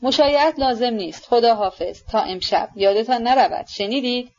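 A woman's voice: medium pitch, expressive, mellow, dull audio. A woman reading a novel aloud and voicing a proud, mocking young woman with an abrupt way of speaking.

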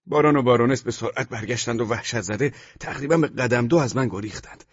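Male audiobook narrator, husky tone, close dry sound. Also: mid-range voice, dry recording, muffled recording. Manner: measured storytelling, with the dialogue lines acted out loudly. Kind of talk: scripted literary narration.

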